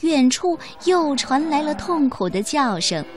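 A woman reading a children's picture book aloud, in an expressive, sing-song storytelling voice. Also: high-pitched, a little slow, over music.

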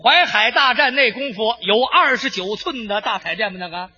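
A man performing a staged crosstalk comedy routine in a loud, declaiming voice, with vocal sound effects, heard through a slightly muffled old radio broadcast. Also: very high-pitched, expressive, fairly quick, husky.

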